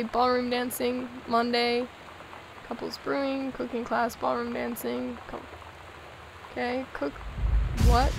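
A hoarse, sick young woman hosting a let's play, chatting and giggling as she reads in-game notes aloud. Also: fairly high pitch, noisy background. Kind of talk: casual gameplay commentary.

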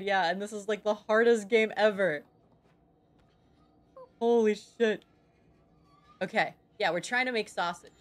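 A young woman streaming a game, swearing often and bantering in exasperation with her chat. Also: medium pitch. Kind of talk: casual gameplay streaming.

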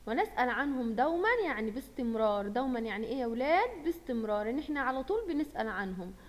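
A woman's voice: a little high, lively intonation, very fast. A woman with an Egyptian Arabic accent teaching a primary school lesson, asking questions and praising the pupils. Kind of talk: recorded lesson for young children. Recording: long reverb from a hall-like room.

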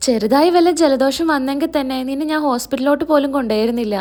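A stern old grandmother scolds her family , voiced by a woman telling the story. Her reproaches come fast and high-pitched. She is fiercely protective of her grown son. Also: darkish tone, natural voice. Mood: tearful worry.

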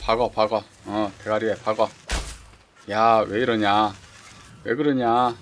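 A man's voice: fairly low pitch, slow pace. A man giving casual running commentary while playing a survival game, talking to himself and urging on the creatures. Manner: talks to himself and the game creatures, excited exclamations. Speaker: game streamer. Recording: clear background game noise.

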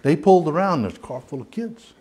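A man's voice: a little high, sing-song, fairly quick, a little mellow, breathy edge. A man with a Southern US accent leading a church Bible study, talking in a folksy, rambling way with many restarts and fillers. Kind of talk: informal Bible study teaching. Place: church hall.

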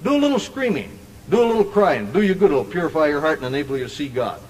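A man with a high voice preaches to a congregation, talking plainly and then lifting into ringing, emphatic declarations. His voice carries a long reverb from the church hall around him. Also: sing-song, quick pace, darkish tone. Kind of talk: sermon.

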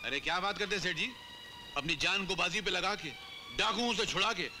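A man's voice: sits high, brisk, natural voice. An actor playing a bumbling male detective who keeps losing his memory and begging, in an old Hindi film comedy. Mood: indignant. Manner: whining beggar's pleading, then brash bickering. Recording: old film soundtrack with music behind.

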